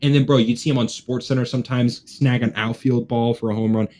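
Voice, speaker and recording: A man's voice: mid-range voice, steady tone, a little fast, darkish tone. Young frat-bro guy, casual live stream host. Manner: frat-bro slang, constantly says bro and dude. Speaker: sports watch party host.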